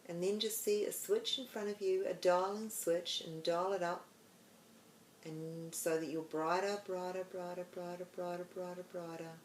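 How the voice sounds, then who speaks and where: Soft-spoken Australian woman guiding meditation. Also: lowish voice, little pitch movement, a little hiss or hum. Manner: slow, soothing, soft-spoken guidance. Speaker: meditation podcast host. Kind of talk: guided meditation. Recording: roomy with faint background ambience.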